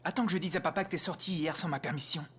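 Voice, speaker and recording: A man's voice: on the high side, fairly even intonation, very fast, a bit bright, breathy edge. A young man playing a bossy, threatening teenage big brother in a French-dubbed film with faint noise behind. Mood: menacing.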